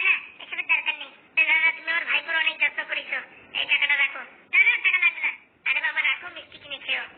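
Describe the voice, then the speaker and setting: Woman voicing bickering cartoon villagers: high, breakneck, scolding, tinny phone-band sound. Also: natural voice. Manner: rapid, scolding, rustic banter. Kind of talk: Bengali cartoon dialogue.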